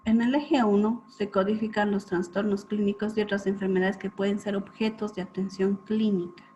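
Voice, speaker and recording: A woman lecturing students on clinical topics, explaining step by step and often checking in with a quick question. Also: mid-range voice, fairly even intonation, warm tone. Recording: dull lo-fi recording with faint hum.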